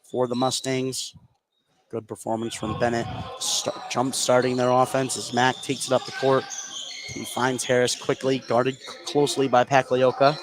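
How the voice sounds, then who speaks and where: With a medium-pitched, level voice at normal speed, a man announces a basketball game live on the radio. His running commentary comes in short, clipped present-tense phrases, and the broadcast carries clear background noise.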